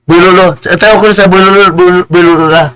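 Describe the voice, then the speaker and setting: A man ranting on a live stream, combative and insulting, stumbling over and repeating his words and slipping into slow, preachy English phrases. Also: high-pitched, fairly even intonation, pushed and bright, low-quality recording. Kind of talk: heated live-stream rant.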